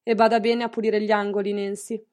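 A woman's voice: fairly high pitch, moderate pace, dark tone, lightly acted. A woman reading an audiobook, voicing a stern, wealthy middle-aged mistress who speaks curtly and severely. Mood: haughty. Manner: curt, severe, clipped.

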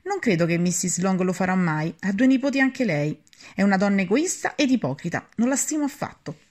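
A woman voicing a nervous, complaining middle-aged mother in an audiobook reading, talking fast and excitably. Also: mid-range voice, close to an everyday voice. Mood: peevish.

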